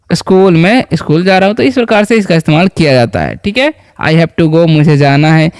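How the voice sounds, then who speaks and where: A man's voice: high-pitched, a little mellow, smooth, no echo, clean studio sound. A man teaching basic English words in Hindi, patiently repeating each word and asking the viewer questions. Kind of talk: spoken English lesson in Hindi.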